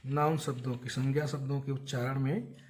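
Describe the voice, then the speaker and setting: A man's voice: mid-range voice, little pitch movement, brisk, darkish tone. A man teaching an English grammar lesson, explaining step by step and asking and answering his own questions.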